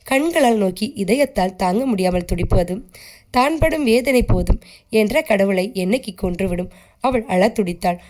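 A woman reading a short story aloud as a steady, scripted narration, keeping the characters close to her own voice. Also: mid-range voice, moderate pace, slight background noise.

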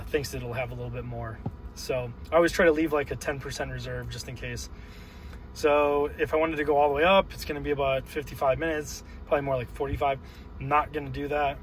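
A man's voice: mid-range voice, slight background noise, poor audio. A man casually narrating his road trip from inside his car, rambling with lots of fillers. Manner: relaxed, rambling, many fillers. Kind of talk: casual narration while driving and charging.

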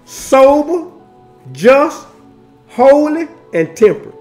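A man with a high voice preaches in a call-and-response style. He is fervent and punctuates nearly every phrase with praise. Soft music sits under him. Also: very animated, slow. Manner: fervent, repeats "praise God" between phrases. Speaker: minister.

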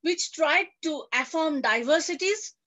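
High-pitched woman lecturing, lots of uh's and restarts. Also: animated, pushed and bright, dull audio. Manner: halting, many fillers and restarts. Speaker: guest lecturer. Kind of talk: academic lecture.

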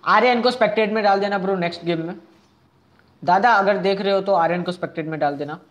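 A man's voice: sits high, fast talker, fairly bright tone. A young man hosting a casual live game stream, chatting with viewers, repeating himself and asking for likes. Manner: chatty, answers viewers' chat messages one by one.

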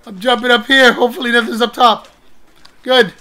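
A woman's voice: a little high, steady tone, brisk, pushed and bright. A woman hosting a let's play, narrating her own moves with panicky yelps when chased. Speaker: gaming channel host.

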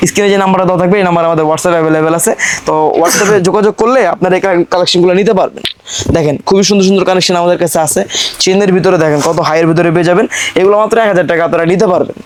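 A Bangladeshi man working as a shop seller, giving a hard-sell pitch in insistent, repetitive patter. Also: racing, slight background noise. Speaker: shop seller presenting products.

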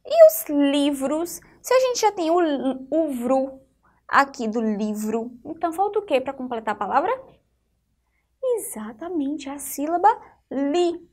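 A woman's voice: high-pitched, expressive, measured pace, darkish tone. A woman teaching a phonics lesson to young children, patient and often checking that they follow, with a Brazilian Portuguese accent. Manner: patient, keeps checking in with the class.

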